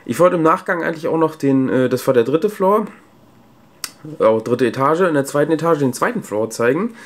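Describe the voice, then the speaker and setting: A man with a medium-pitched, slightly mellow voice gives relaxed, unscripted commentary as a video host and PA sound technician. He uses informal speech as he moves through indoor venue rooms and a cellar, with hum and room noise audible.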